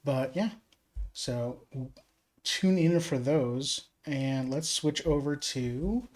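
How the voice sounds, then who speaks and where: A casual streamer talks slowly and easily, dropping filler words while chatting to viewers. The mic has been pulled off its stand, so every word comes through echoey and hollow, as if from across a room. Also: mid-range voice, darkish tone. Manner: easygoing and chatty, with many "uh" fillers. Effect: echoey, roomy sound from a mic off its stand. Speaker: livestreamer. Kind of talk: casual livestream chat. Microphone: desk mic moved off its stand for crafting. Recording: echoey room, mic set away from the speaker.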